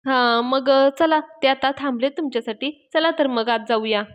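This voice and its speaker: A woman's voice: high voice, moderate pace, voice pushed up, close to an everyday voice. A woman voicing a young man who is an eager, bossy helper and speaks in a pushy, coaxing way. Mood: urging.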